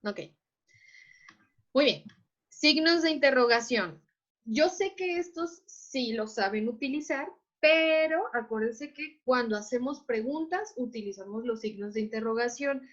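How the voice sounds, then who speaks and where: A woman's voice: a little high, lively intonation, unhurried. A woman teacher, patiently explaining to her class and often checking that students follow. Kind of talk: online class lecture. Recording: muffled lo-fi audio.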